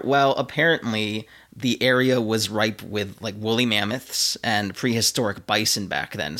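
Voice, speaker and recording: A man's voice: fairly low pitch, bright, forceful tone. A man co-hosting a podcast, telling a history story in a laid-back, giggly way with lots of fillers. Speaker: podcast co-host. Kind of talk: casual history chat.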